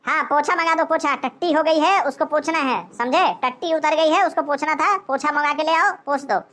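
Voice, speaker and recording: A woman's voice: high voice, fairly quick, a bit bright. A woman voicing a boastful, short-tempered cartoon man who blusters threats. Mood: blustering. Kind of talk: cartoon voice acting.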